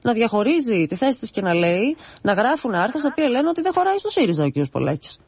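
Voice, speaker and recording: A woman's voice: on the high side, big pitch swings, a little mellow, breathy edge, no echo. A woman, a radio journalist hosting an interview, pressing her guest assertively and cutting in for answers.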